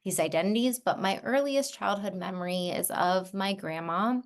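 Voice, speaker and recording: A woman's voice: medium pitch, moderate pace. A woman from the Midwestern United States who is a storyteller, speaking thoughtfully about her childhood. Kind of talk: reflective personal account.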